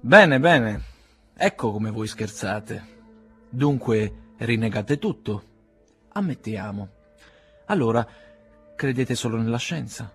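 A man voicing a haughty, aristocratic older gentleman with an icy, mannered courtesy and a husky voice. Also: medium pitch, expressive, takes it slowly, pauses often, faint music behind, exaggerated voice. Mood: ironic.

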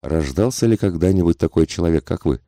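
A man's voice: sits low, animated, a little fast, warm tone, no room sound, clean studio sound. A man voicing a passionate, desperate society woman who pleads for love in an intense, angry half-whisper.

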